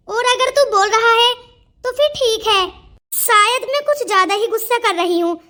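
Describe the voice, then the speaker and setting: A woman's voice: very high voice, bright, forceful tone. A woman voicing a stern, bossy older mother in a cartoon story. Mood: softening. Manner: scolding, bossy. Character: stern strict older Indian mother-in-law. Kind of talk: cartoon voice acting.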